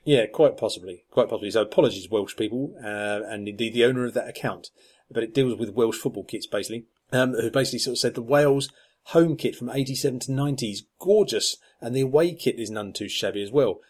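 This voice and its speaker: A man co-hosts a podcast in a fast, mid-range voice with a darkish tone. He chats casually and rambles, full of ums and restarts.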